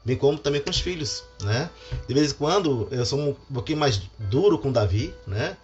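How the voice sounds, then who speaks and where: Speaking at a normal pace in a mid-range voice, this middle-aged man from Brazil is a pastor giving an animated devotional about family. He performs the quoted lines as he goes, and the lo-fi recording sounds dull with faint music underneath.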